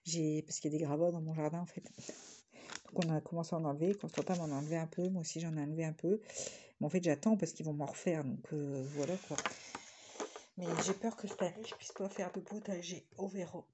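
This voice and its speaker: A woman's voice: deep voice, fairly even intonation, fast talker, background noise. A woman with a northern French accent chatting casually in a vlog while she crafts, rambling with many fillers and restarts and laughing often. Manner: self-described jokey, laughs often. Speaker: vlogger.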